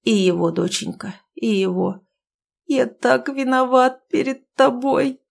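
A woman voicing a ruined older nobleman who speaks in slow, hushed, despairing tones. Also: mid-range voice, steady tone, gravelly. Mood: remorseful.

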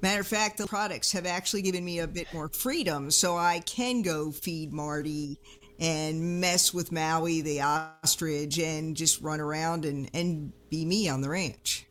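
A man's voice: fairly high pitch, steady tone, unhurried, a bit bright, voice pushed up. A man putting on a chipper testimonial guy. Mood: upbeat.

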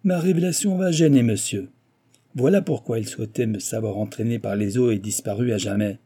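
A man's voice: on the low side, brisk, warm tone, slightly rough. A man voicing a gleeful, mocking older American engineer who sneers at his rival. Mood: gloating. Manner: sneering, sarcastic.

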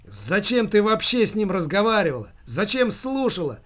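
A man reading an audiobook voices an agitated young man shouting back defensively at his mother. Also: high-pitched, steady tone, slow pace, voice pushed up.

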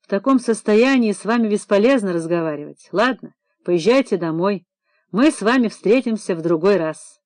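A woman voicing a calm, stern young male police detective who speaks in a measured, firm way. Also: medium pitch, no room sound, close to an everyday voice. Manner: measured, firm, quietly patient.

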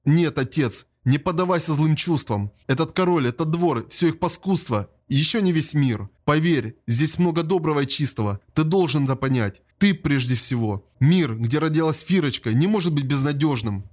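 A male narrator reading a fantasy story in the first person with intense, emotional delivery. His voice sits on the higher side for a man. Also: animated, moderate pace, few pauses, darkish tone. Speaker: audiobook narrator.

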